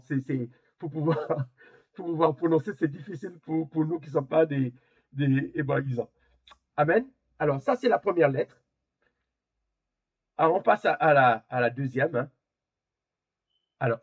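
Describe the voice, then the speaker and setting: A man teaches a Hebrew class over a video call, his husky voice sitting fairly high. He explains haltingly, repeating small words as he searches for the next one. The call audio sounds dull and lo-fi.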